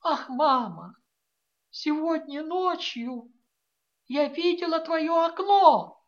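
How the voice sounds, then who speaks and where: A woman's voice: high-pitched, animated, slow, lo-fi sound, pitched above the performer's own voice. Woman doing tearful young girl, theatrically pleading.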